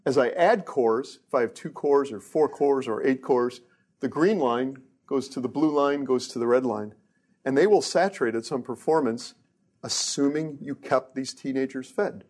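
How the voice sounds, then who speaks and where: A middle-aged man lectures on hardware research in a relaxed, offhand way. He drops wry jokes into the technical points and often stumbles and restarts mid-sentence. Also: medium pitch, normal speed. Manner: casual, joking asides, frequent restarts. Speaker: research engineer giving a lecture.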